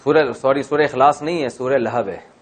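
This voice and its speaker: A man teaching Quran grammar in a class, explaining step by step, asking and answering his own questions, and chanting verses slowly. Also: medium pitch. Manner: chanted slow Arabic verse recitation. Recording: dull lo-fi recording.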